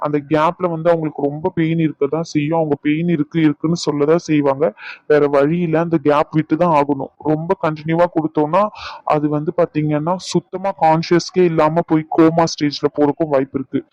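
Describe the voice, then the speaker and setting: A calm cartoon doctor, played by a man with a fairly high voice and flat, steady delivery. He explains things plainly. The recording is dull, dry and lo-fi. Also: quick pace, no echo, natural voice.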